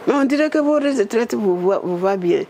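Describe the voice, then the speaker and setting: A woman in her eighties voicing a friendly, persuasive male prime minister in a told story, with a gravelly voice. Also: extremely high pitch, animated, normal speed, a little mellow, slight background noise, voice pushed up, exaggerated voice. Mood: coaxing.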